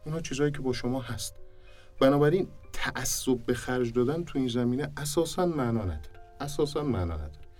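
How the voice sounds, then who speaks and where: A man's voice: mid-range voice, warm tone. A man, a speech and diction teacher, explaining things in an interview in an emphatic way and repeating his points for stress. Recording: distant mic with faint music behind.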